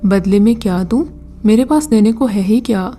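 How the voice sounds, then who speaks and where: Storybook role: anxious poor young man, pleading, read by a woman, mellow tone, light music bed. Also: medium pitch, lightly acted. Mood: confused. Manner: pleading, flustered.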